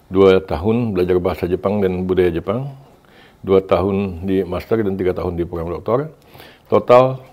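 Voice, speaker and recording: A man in his sixties, a former ambassador, answering interview questions over a video call in a measured way with many hesitations. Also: sits low, darkish tone. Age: 60s. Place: Tokyo.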